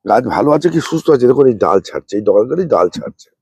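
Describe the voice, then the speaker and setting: Gravelly-voiced man, lively pitch. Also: no echo. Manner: speaks slowly and plainly, repeating points. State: unwell. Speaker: rooftop gardening channel host. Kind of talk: hands-on gardening demonstration.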